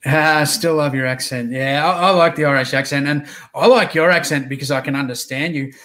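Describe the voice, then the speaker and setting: A man's voice: fairly high pitch, steady tone, brisk, a bit bright. A man hosting a casual live-streamed interview chat, encouraging and full of "uh" fillers. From Australia. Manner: chatty and encouraging, frequent "uh" fillers.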